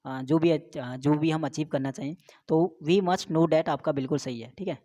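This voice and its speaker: A woman teaching an exam-prep grammar lesson, reading sentences out slowly and explaining step by step. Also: low voice, dark tone.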